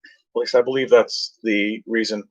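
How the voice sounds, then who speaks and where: A man's voice: fairly low pitch, fairly even intonation, normal speed. A man rambling casually and off script in a vlog, meandering between stories and swearing freely. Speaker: vlogger. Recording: dull lo-fi recording.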